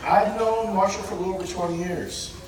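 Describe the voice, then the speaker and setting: A man's voice: high-pitched, steady tone, fairly quick. A man giving a best man's wedding toast speech, reading it from paper to the guests. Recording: echoey noisy room, far from mic.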